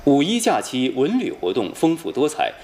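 A man with a standard mainland Mandarin accent reading scripted news as an anchor, formal, measured and precisely enunciated. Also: mid-range voice, wildly swooping pitch, a little mellow, a little hiss or hum. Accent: standard mainland Chinese Mandarin.

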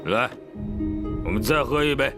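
A man's voice: mid-range voice, animated, normal speed, natural voice. An actor playing a stubborn, sociable drunken warrior in a period drama, slurring his words over background music. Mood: tipsy, insistent. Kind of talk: Chinese period television drama acting. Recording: background music under dialogue.

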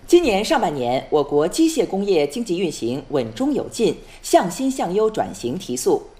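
A woman's voice: fairly low pitch, very animated, moderate pace, mellow. A woman reading scripted news as a formal Chinese news anchor, composed and precisely enunciated in standard mainland Mandarin.

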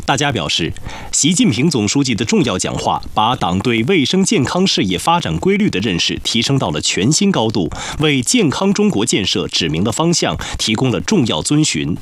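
A man's voice: mid-range voice, sing-song, normal speed, fairly bright tone. Male news narrator, very wide intonation.

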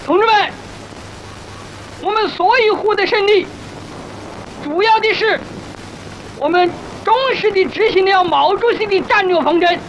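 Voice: very high-pitched, unhurried, pauses often, fairly bright tone, exaggerated voice. An actor in an old film playing a resolute revolutionary army commander, giving a solemn, rousing, declamatory speech. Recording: dull old film soundtrack, faint noise.

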